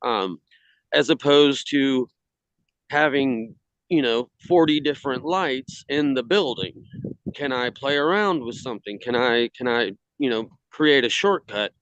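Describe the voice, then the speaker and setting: A man on a video call from outdoors in the cold, casually presenting his hobby work in a halting way. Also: mid-range voice, fairly bright tone, no room sound. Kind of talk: casual slideshow talk. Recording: slightly dull video-call audio.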